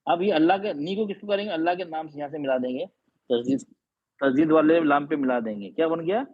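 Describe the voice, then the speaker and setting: A man with a slightly high voice speaks at a quick pace, teaching Quran reading rules in an online class and patiently quizzing his students over and over. The audio is dull and lo-fi.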